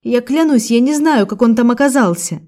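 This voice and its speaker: A woman's voice: a little high, moderate pace, mellow, pitched above the performer's own voice, lightly acted. A woman voicing a young woman who is wrongly accused and pleads in a raised, tearful voice. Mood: desperate pleading.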